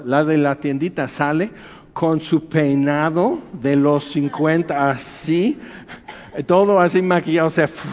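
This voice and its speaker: A man, preaching a sermon in a relaxed, conversational storytelling way. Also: on the high side, long reverb tail, highs cut off. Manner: anecdotal, conversational storytelling with acted quotes. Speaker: pastor.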